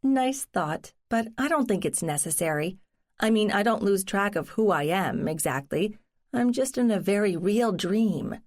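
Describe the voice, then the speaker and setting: A woman's voice: medium pitch, lively intonation, measured pace. Cozy mystery narrator voicing an earnest, wry, determined woman.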